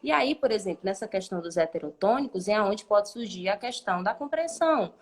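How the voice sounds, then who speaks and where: A woman's voice: mid-range voice, expressive, a little fast. A woman Spanish teacher explaining in a live online class, patient and talkative, who often ends sentences with a questioning "né?" and thinks aloud with restarts.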